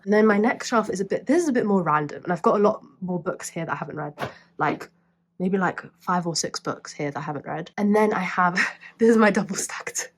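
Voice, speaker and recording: A woman's voice: on the low side, husky. A young woman with a blocked nose and short breath, chatting casually in a vlog at home by her bookshelf, rambling and upbeat with lots of "like". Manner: rambling, upbeat, fills speech with "like". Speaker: book vlogger.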